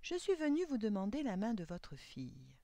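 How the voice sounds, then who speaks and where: A woman's voice: medium pitch, huge pitch swings, moderate pace, mellow, no room sound, pitched above the performer's own voice. A woman voicing an earnest, lovestruck young man in a storybook tale.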